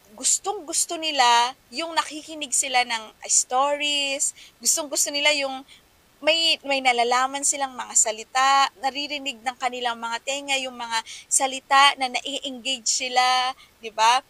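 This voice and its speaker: Bright, high-voiced woman teacher. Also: poor audio. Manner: lively, chatty, keeps asking "di ba?". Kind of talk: Taglish teaching lecture.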